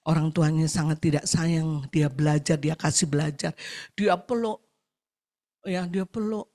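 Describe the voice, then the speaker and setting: A woman preaching a sermon over a video call, telling a story with lively acted-out quotes and often addressing her listeners directly. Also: a little slow. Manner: animated storytelling, acting out quotes in a high voice.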